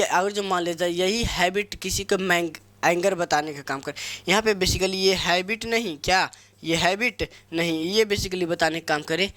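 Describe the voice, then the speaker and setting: A man's voice: high voice, a bit bright, dry recording. A young man teaching English grammar in Hindi, spelling out words letter by letter and asking his own questions before answering them. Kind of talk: Hindi-medium grammar lesson.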